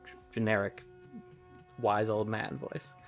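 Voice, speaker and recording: A man co-hosts with casual, wry commentary. His voice sits fairly low, and music plays faintly behind him. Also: little pitch movement, slow pace. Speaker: co-host commenting on a comic.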